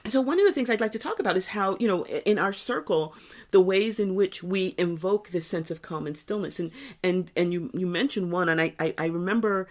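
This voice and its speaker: A woman's voice: lowish voice, fairly quick. A woman in her sixties, co-hosting a podcast in casual chat, telling reflective stories in a chatty way. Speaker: podcast co-host.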